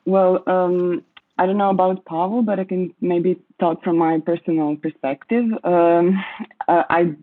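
A woman in her thirties from Croatia, speaking as a panel guest in halting English, often pausing and restarting to find her words. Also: on the low side, level tone. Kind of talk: panel discussion. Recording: tinny phone-like line.

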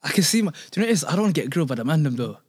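A man's voice: on the high side, very animated, rapid-fire, a little mellow, slightly rough. A young man with a London roadman accent chatting casually in slangy, repetitive street talk. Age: young adult. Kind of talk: casual chat.

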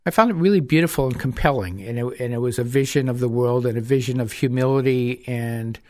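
Middle-aged guy on a radio talk show, thoughtful, measured storytelling, dry studio mic. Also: medium pitch, no room sound. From United States. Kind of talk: radio interview. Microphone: studio mic with headphones.

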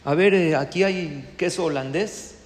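Man doing a contemptuous old russian tsar, scornful demands, high voice, echoey hall. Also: a little slow, slight background noise, natural voice. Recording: echoey hall with long reverb.

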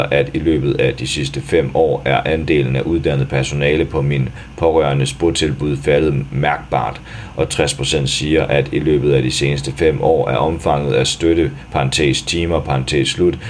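A man reading a news article aloud in a steady, even way, even speaking the punctuation. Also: rumbling low, a little hiss or hum.

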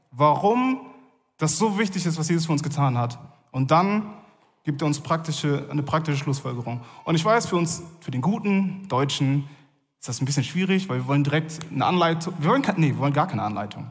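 A man giving a sermon in a casual, conversational way, often pausing with fillers. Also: fairly high pitch, long reverb tail. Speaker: preacher.

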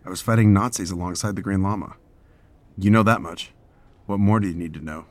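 An actor playing a bitter, guarded war veteran in a radio drama. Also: male voice, low voice, brisk, close to an everyday voice.

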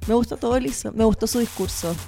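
A woman's voice: on the high side, fast, creaky, mellow, soft background music. A young Chilean woman co-hosting a casual pop culture chat, easygoing and slangy.

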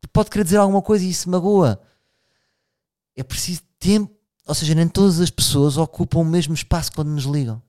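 This man's voice sits in the middle range, with a clean, somewhat mellow tone. He's a podcast host in his thirties with a European Portuguese accent, thinking out loud in a relaxed monologue, often starting over and addressing listeners straight on.

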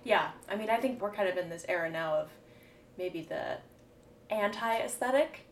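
A woman's voice: medium pitch, moderate pace. Female host, easygoing and thoughtful, heard at a distance in a roomy space. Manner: relaxed, musing, many "um"s and soft laughs. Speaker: podcast host. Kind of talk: casual podcast conversation. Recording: roomy, distant mic with faint background noise.

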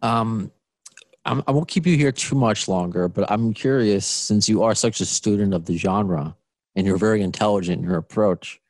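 A podcast host in his late thirties leads a casual interview, chatty, laughing often and restarting his sentences. His voice is lowish and darkish in tone, at a normal pace, recorded with no echo.

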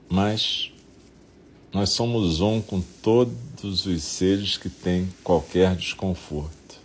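A Brazilian man speaks in a very deep, husky voice as a meditation guide. His delivery is very slow and gentle, with long pauses between short, soothing phrases. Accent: Brazilian Portuguese.

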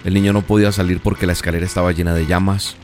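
A man preaching a devotional sermon, telling a story in an earnest, emphatic way with dramatic pauses. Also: deep voice, little pitch movement, darkish tone, slight background noise.

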